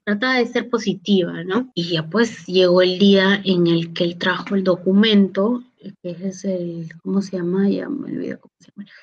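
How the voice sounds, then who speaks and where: Woman in her 30s, heartfelt interview testimony, mid-pitch voice, slightly dull lo-fi sound. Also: fairly even intonation, moderate pace, few pauses. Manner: earnest, with frequent restarts and quoted dialogue. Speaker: interviewee sharing a personal testimony. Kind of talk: emotional personal storytelling.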